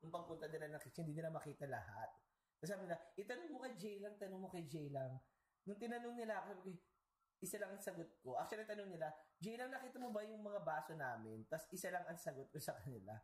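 A man's voice: on the high side, sing-song, quick pace. A man from the Philippines co-hosting a podcast, telling stories in a playful, sassy, self-mocking way. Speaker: podcast co-host. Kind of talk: casual storytelling chat. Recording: echoey room.

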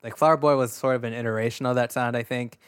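A man in casual conversation about an album, relaxed and thoughtful, with lots of filler words as he works through his points. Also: medium pitch, fast talker, clear, resonant tone, dry recording, studio quality. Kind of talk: casual music review chat.

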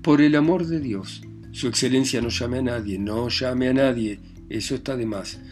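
A man voicing a humiliated gentleman who pleads and grovels to be believed. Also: medium pitch, normal speed, soft background music, lightly acted. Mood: pleading. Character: pleading, humiliated middle-aged man caught under a bed.

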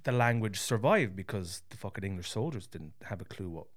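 In a casual conversation, a Kerry man with a west of Ireland accent talks bluntly and swears freely as a guest, having come from the southwest of Ireland. His voice sits on the low side, with lively intonation and a slightly fast delivery.

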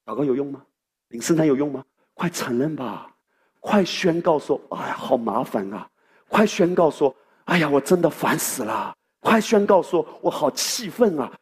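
A man voicing a taunting male devil in a sermon, low and mocking with a sly chuckle. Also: expressive, normal speed, breathy edge. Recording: echoey hall.

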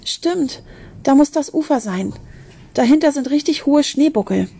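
A woman's voice: sits high, lively intonation, moderate pace, mellow, voice pushed up. A woman voicing a frightened young girl who whispers anxiously in a storybook reading.

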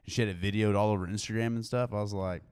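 A man with a lowish voice trades crude jokes in a loose podcast chat. He trails off, restarts and rambles through his stories. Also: fairly even intonation, very fast, darkish tone, clean tone. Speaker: podcast co-host. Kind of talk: casual chat.

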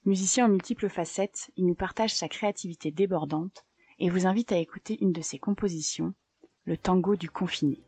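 A woman hosting a podcast, reading a calm, measured scripted introduction. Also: fairly low pitch, husky. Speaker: podcast host. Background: soft guitar music.

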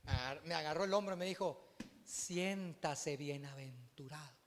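A man with a Guatemalan Spanish accent preaching a sermon as pastor, swinging between loud exclamations and hushed asides. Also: a little high, quick pace, long reverb tail, a little hiss or hum.

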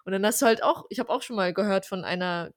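A chatty young woman talks through her own stories in a relaxed conversation, her voice close and dry. She grew up speaking Armenian at home, and her tone lifts and falls as she tells each story. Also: mid-range voice, fast, dry recording. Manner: chatty, animated storytelling with fillers. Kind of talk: casual conversation.

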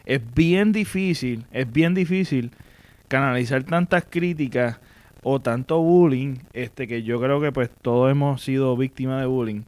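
A man's voice: medium pitch, a little slow, darkish tone. A man hosting a casual podcast conversation, speaking earnestly and supportively as he searches for words.

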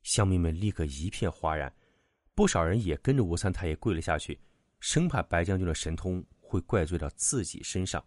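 A man narrating a serialized folk tale in a lively, expressive storytelling manner. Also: deep voice, brisk, no room sound, clean studio sound.

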